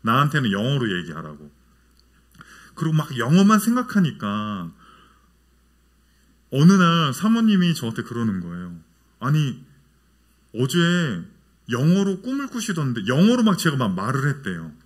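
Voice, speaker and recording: A man's voice: medium pitch, huge pitch swings, normal speed, pauses often. A man in his thirties preaching a sermon as a church pastor, often asking the congregation questions. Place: church sanctuary.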